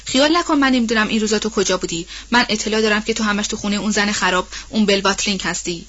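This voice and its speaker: A woman's voice: muffled recording, close to an everyday voice. A woman playing a furious, accusing young wife. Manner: high, sharp accusing. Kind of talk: audiobook role-play reading.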